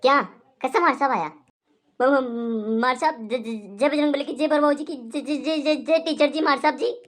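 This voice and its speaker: A woman's voice: high voice, moderate pace. A woman voicing a naughty schoolboy who lies, stammers and pleads with his father, with a Malvi accent. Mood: nervous. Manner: stammering, pleading, then cursing.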